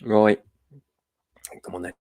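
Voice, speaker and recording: A man's voice: fairly low pitch, flat delivery, slow pace, mellow. Man, middle-aged, casual livestream host, jokey, chatty. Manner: chatty, reads out and answers viewer comments; laughing, jokey storytelling.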